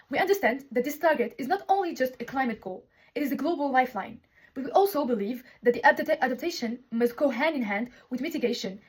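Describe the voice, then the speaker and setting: A woman's voice: high voice, breathy edge, low-quality recording. A young woman from Morocco giving an earnest prepared speech as a city representative, reading her text with small restarts. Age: young adult. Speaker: student speaker representing a city.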